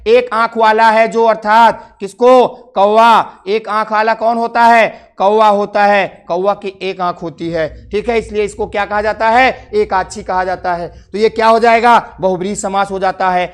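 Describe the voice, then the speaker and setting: High-voiced Hindi-speaking man teaching. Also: fairly even intonation, moderate pace, few pauses, smooth. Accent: Hindi from Uttar Pradesh. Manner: keeps asking the class short quiz questions and answering them himself; addresses viewers as friends. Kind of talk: exam-prep grammar lesson.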